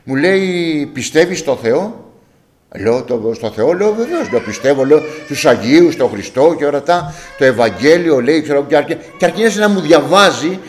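An older man telling a personal story from his years working on a ship, acting out each exchange of dialogue with a repeated "I say". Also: fairly high pitch. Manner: animated, acts out dialogue with repeated "I say". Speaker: storyteller recalling life at sea.

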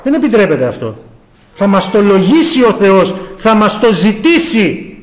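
Man preaching with fervour, high-pitched voice, rising to cries and dropping low. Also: sing-song. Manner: impassioned, swings between loud exclamations and low intense tones; rhetorical questions to the congregation. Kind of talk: sermon.

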